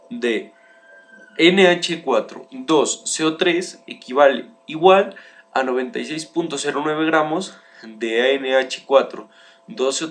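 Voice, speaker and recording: A young man, a student, works through chemistry exercises aloud in a methodical way, often restarting his phrases. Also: on the high side. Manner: methodical, starts many sentences with "bien", restarts often. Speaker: student presenting homework.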